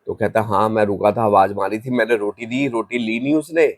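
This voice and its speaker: A man with a fairly low voice recounts a spooky tale casually, as if telling it across a table. His telling is loose and conversational, with small restarts. The sound is dry and close. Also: brisk, no room sound. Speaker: storyteller. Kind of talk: casual spoken horror story.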